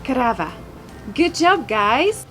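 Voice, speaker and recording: A woman's voice: high voice, very animated, slow, fairly bright tone, soft background music. A woman giving a children's language lesson, talking as if reading to a toddler, encouraging and repeating words for a small child. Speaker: language teacher and parent guiding a young child.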